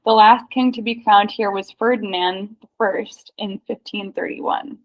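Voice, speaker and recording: Excitable woman reading aloud, lo-fi. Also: mid-range voice. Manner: excitable, reads passages aloud in quick bursts. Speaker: research partner reading sources aloud. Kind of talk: casual research chat, reading aloud. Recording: dull lo-fi sound.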